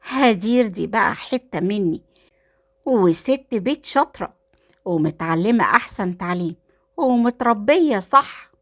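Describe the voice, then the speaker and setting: A woman's voice: medium pitch, brisk, no room sound, studio quality, close to an everyday voice. A woman voicing a fussy middle-aged mother with an Egyptian accent, sweet-talking and watchful. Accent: Egyptian Arabic. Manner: sweet-talking, then suspicious.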